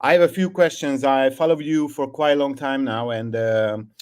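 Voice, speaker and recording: A man's voice: medium pitch, fairly even intonation, normal speed, darkish tone, smooth. A man from Hungary, calling in to ask questions, speaking hesitantly with many fillers and restarts. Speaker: caller, new agency owner. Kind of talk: casual call-in question.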